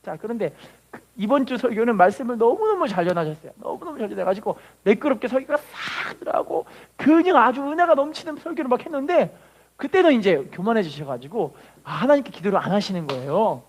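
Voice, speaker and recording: A man's voice: sing-song, brisk. A man preaching a sermon as pastor, leading the congregation in call and response with dramatic swells. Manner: preaches with dramatic rises in pitch and volume.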